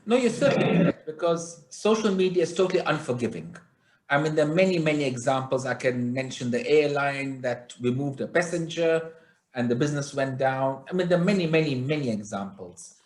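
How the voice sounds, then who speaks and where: A man with a slightly high voice moderates a panel, sounding agreeable and conversational as he puts questions to the guests. His voice carries a roomy echo. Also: animated, a little fast, a little mellow.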